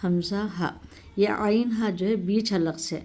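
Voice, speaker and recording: A woman teaching the pronunciation of Arabic letters, who explains slowly and step by step and repeats each sound several times in a drawn-out way. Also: medium pitch, warm tone. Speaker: Quran recitation teacher. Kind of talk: patient pronunciation lesson.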